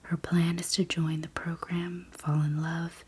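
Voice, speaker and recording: A woman in a whispered role-play as a library clerk, speaking in a soft, breathy library whisper with gentle customer-service manner. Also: lowish voice, little pitch movement, unhurried. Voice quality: breathy, mostly unvoiced whisper. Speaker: ASMR performer playing a library clerk.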